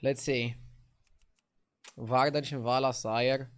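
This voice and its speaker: A young man with a light Romanian accent chats casually with his live-stream viewers as he plays a card game, answering chat between plays in a laid-back way. His medium-pitched voice is slow, with little pitch movement and a clean tone.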